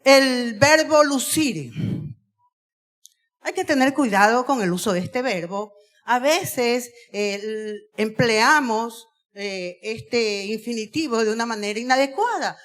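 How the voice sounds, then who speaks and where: Woman, guest talk to students, slightly high voice, slow, drawn-out delivery. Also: animated. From Ecuador. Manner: deliberate, stretches key words, asks the audience questions. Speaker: guest speaker on Spanish usage. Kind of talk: school auditorium talk to students. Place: school auditorium.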